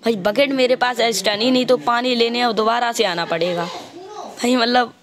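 A man giving casual gameplay commentary, chatty and walking the viewer through each step, stopping to fix his own mistakes out loud. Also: very high-pitched, lively intonation, normal speed, a crowd in the background. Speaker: gaming channel host.

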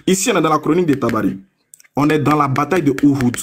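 A young man in a combative live-stream debate, taunting his opponents and reading a source text aloud slowly and deliberately. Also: on the high side, a bit bright, slightly rough. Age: young adult.

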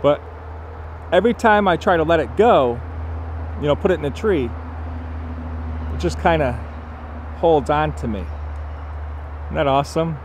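A man's voice: fairly high pitch, animated, a little slow, long pauses, noisy background. Chatty man vlogging outdoors in a forest. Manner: enthusiastic, chatty, thinks aloud with fillers. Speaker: nature vlogger. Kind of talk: casual outdoor vlog narration. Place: pine forest campsite outdoors. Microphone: handheld camera at arm's length.

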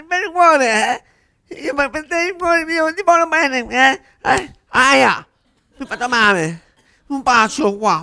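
A woman performs a comic sketch, coaxing and repeating short phrases. She speaks very slowly in a somewhat high voice. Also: pushed and bright, slight background noise. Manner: slow, repetitive, coaxing talk. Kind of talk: cabaret mime sketch.

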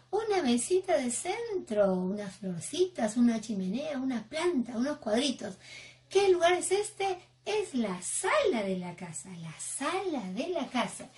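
Young woman teaching little kids english words, high voice, bouncy and slow, really exaggerated. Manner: exaggerated, expressive, acting out emotions for kids. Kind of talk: children's lesson, sing-song teaching.

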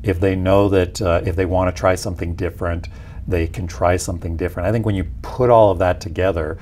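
A Peruvian company executive in his forties explains things conversationally during an interview, recorded on a lapel mic in a small indoor office lounge. His voice is low-pitched and darkish, with fairly even intonation and a slightly fast pace. There's a little background noise.

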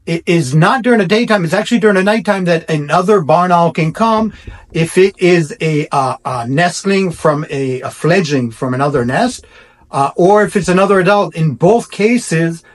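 Reassuring middle-aged man, slightly high voice. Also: normal speed. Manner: reassuring, explanatory, with many restarts. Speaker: barn owl researcher. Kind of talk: explainer video to camera. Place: indoor room.

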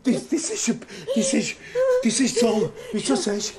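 A man's voice: extremely high pitch, wildly swooping pitch, a loud crowd, exaggerated voice. An actor playing an embarrassed, flustered young man who keeps protesting.

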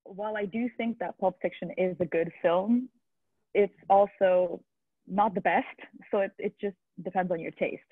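A woman's voice: mid-range voice, fairly even intonation, normal speed, husky, dry recording. A young woman from Italy, a student, giving outspoken opinions in a casual video call chat over earbuds. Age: young adult. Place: living room with a sofa. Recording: dry, tinny video call audio.

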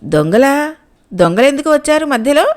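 A woman's voice: sits high, big pitch swings, normal speed, darkish tone. A woman voicing a simple, demanding fisherman in a storybook reading, pressing his questions insistently. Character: simple, demanding male fisherman, grown man.

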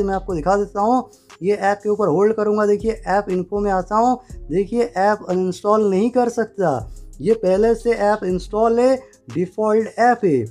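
Sitting high and a little mellow, this man's voice narrates a step-by-step phone tutorial, leaning on the same stock phrases as he instructs. He presents tech tutorials, and faint music runs in the background.

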